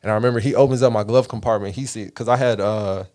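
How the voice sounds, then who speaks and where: A man's voice: fairly low pitch, fairly even intonation, fast, a little mellow. A man from the Caribbean, hosting a podcast, telling a story in a casual, profane way and acting out the voices he quotes. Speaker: podcast host.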